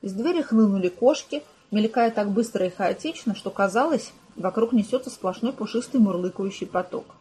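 A woman narrating an audiobook in an even, measured storytelling manner. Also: medium pitch, husky, poor audio. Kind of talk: scripted narration.

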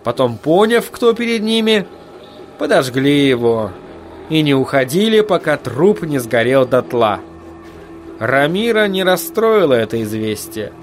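A man reading a dark fantasy story aloud as an audiobook narrator, in a measured, even way. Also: on the high side. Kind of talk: scripted narration. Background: faint music.

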